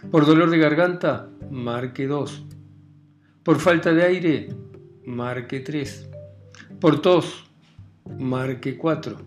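A man mimicking a flat phone-menu recording. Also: a little high, slow, pauses often, faint music behind. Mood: mechanical. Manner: clipped, rhythmic listing of options.

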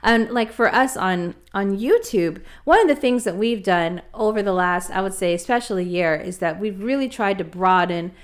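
A woman's voice: medium pitch, lively intonation, moderate pace, few pauses. A young woman with a mid-range voice talks emphatically in a casual podcast chat. She stresses her advice and keeps it conversational. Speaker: podcast co-host.

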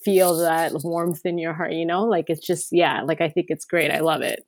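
A woman's voice: low-pitched, fairly even intonation, normal speed, dry recording. A woman, a podcast guest chatting casually, with many fillers and restarts. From Canada. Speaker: guest, K-drama writer.

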